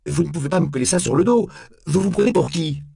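A man voicing a nervous, defensive suspect who stammers and bursts out in shrill panic in an audiobook. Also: lively intonation, a little fast, vocal fry, mellow. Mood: panicked. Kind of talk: audiobook character voice.

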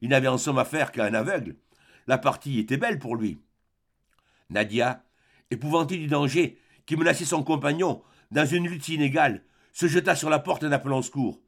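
A man reads a novel aloud as a measured, dramatic narration. His voice has a strong gravelly fry at a mid pitch. The pacing is steady and deliberate. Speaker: audiobook narrator.

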